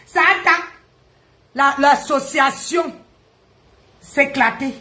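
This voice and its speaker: A woman, ranting and mocking on a live stream, loud, laughing and teasing. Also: sits high, slow pace. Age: 50s. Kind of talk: Facebook live rant. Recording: echoey room.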